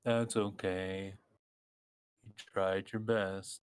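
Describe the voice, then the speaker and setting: A man takes part in an improv comedy scene with a slow, gentle, mock-soothing delivery. His voice is on the low side. The sound is dry. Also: level tone, clean tone, no room sound. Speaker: improv player.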